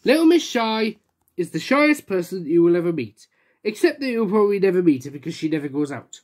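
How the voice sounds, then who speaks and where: A woman reading a children's storybook aloud, her pitch rising and falling in a lively way. She brings each character to life as she goes. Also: fairly quick. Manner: expressive, voicing characters.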